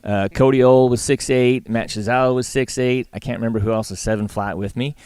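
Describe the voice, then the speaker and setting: A middle-aged livestock auctioneer and former calf roper from Alberta, Canada, chats casually as an interview guest in a plain-spoken, folksy way with a Western Canadian accent. His medium-pitched voice is steady, a little fast, darkish, clear and resonant, with no echo.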